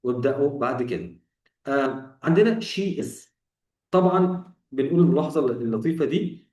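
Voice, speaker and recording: A man's voice: medium pitch, darkish tone, recorded from a distance. A man with an Egyptian Arabic accent giving a grammar lesson, walking through each point and repeating examples. He sits back from the mic, and his voice bounces around a roomy, echoing space. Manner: explains step by step, repeating examples and asking rhetorical questions. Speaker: English teacher. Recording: echoey room, voice off-mic.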